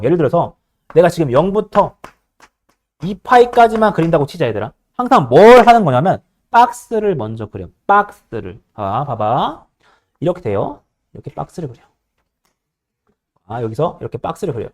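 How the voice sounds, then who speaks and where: A young male math teacher lectures his class with a bossy, teasing edge, prodding students for answers. His voice sits a little high and swings widely in pitch. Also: very animated, normal speed, a little mellow. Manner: bossy, teasing, constantly checking understanding.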